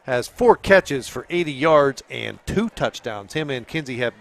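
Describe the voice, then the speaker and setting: Man, sports commentator, medium pitch, friendly, reads stats, local football broadcast. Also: expressive, measured pace, vocal fry, fairly bright tone.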